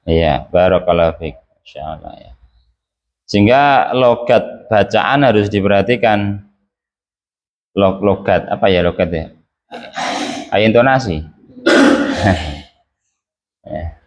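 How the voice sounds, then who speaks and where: A man's voice: on the low side, animated, slow, long pauses, slight background noise. A man teaching an Arabic class, patiently correcting how his students pronounce and read their lines. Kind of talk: classroom reading drill and correction. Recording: echoey, dull lo-fi classroom recording.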